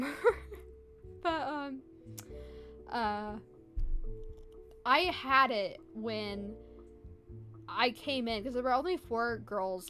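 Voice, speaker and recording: A woman's voice: fairly high pitch, sharp tone. A young woman streamer telling a long story in casual, rambling chat, full of "like" fillers. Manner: fast rambling, frequent "like" fillers. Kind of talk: casual storytelling while drawing. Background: lo-fi music.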